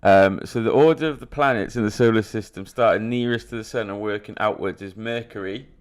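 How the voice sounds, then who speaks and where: A young man chatting loosely on a podcast in a somewhat low voice. He rambles, swears casually and laughs along as he talks. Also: a little fast, clear, resonant tone. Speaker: podcast co-host. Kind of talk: casual chat.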